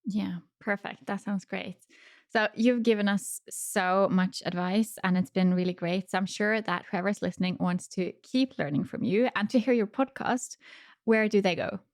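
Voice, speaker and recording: A woman hosts a podcast interview, talking in a friendly, soft-spoken way as she asks questions. Her voice has a medium pitch. The recording is dry, with no echo. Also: moderate pace. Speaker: podcast host. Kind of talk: casual interview talk.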